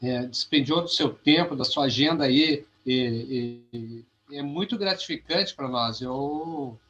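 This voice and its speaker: A man giving a heartfelt, halting testimony on a video call, often repeating his words. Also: mid-range voice, a bit bright, highs cut off. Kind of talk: emotional testimony.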